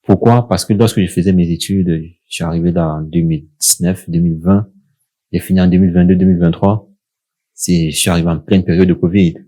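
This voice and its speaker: A young man with a Cameroonian accent, co-hosting a podcast and telling his own story in a lively way, often laughing. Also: sits low, brisk. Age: young adult. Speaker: podcast co-host. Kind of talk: casual podcast conversation.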